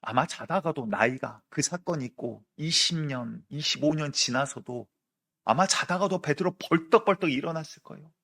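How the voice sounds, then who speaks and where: A man's voice: on the high side, moderate pace, creaky, sharp tone. A middle-aged male pastor preaching a sermon, telling the story with drama and acting out the voices of the people in it. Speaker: senior pastor.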